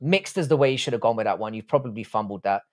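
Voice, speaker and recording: Here the host's voice is fairly low and animated, with a quick pace. He's a man in his thirties with a London accent, originally from Ireland and raised in southwest London, answering live-stream comments in a profane, jokey, blunt style.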